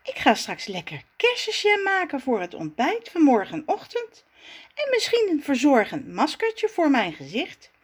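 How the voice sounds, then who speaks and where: A vain little storybook critter, as a woman reads her out chirps in a shrill, very high voice. She fusses over her looks and squeals when scared. The voice leaps about with lively swings. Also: unhurried, exaggerated voice. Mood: cheerful. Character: vain young female critter, fussy about beauty.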